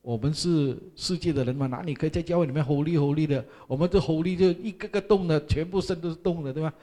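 A middle-aged man, a pastor with a Malaysian Chinese accent, telling his conversion in an animated, dramatic sermon and mixing in English words. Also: on the high side, fast. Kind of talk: testimony sermon. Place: church hall.

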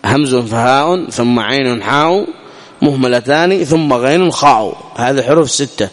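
A man teaching recitation rules in a recorded lesson. He asks the listener questions and slowly demonstrates each sound. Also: medium pitch, long reverb tail. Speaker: tajweed teacher.

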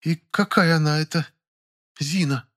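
A man's voice: high voice, fairly quick, pitched above the performer's own voice, close to an everyday voice. A man voicing a stern, overbearing middle-aged mother who speaks in a strict, categorical, interrogating way. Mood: indignant.

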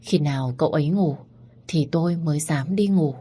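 A woman narrating a first-person story in a steady, dramatic way. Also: low voice, moderate pace, husky.

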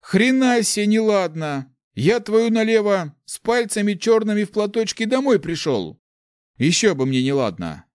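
A man voicing a burly, grumbling lout who complains loudly and indignantly, in an audiobook. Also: medium pitch, sing-song, normal speed, no room sound, clean studio sound, lightly acted.

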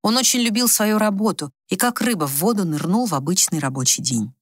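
A woman narrating an audiobook story in a measured, expressive reading. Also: medium pitch, no echo, studio quality.

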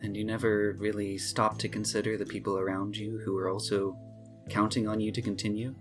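A man voicing a weary adult woman who calmly questions an old friend. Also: lowish voice, a little fast, music in the background, lightly acted. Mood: reproachful.

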